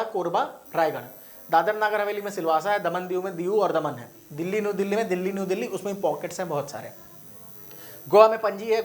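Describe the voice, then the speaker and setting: A man teaching an online coaching lesson, talking casually and straight to his students, reading out long lists and stumbling and correcting himself along the way. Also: high-pitched. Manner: casual, direct address to students.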